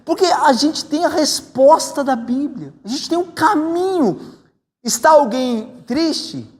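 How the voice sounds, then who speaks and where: Brazilian pastor guy preaching, high voice, chatty with lots of tag questions, big reverb hall. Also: slow. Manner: conversational, tag questions, animated swings in pitch. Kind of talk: sermon. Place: church sanctuary. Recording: church hall with long reverb.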